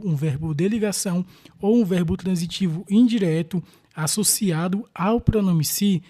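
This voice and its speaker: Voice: medium pitch, mellow. A teacher with a Brazilian accent works through exam questions one by one, explaining each answer methodically. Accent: Brazilian Portuguese.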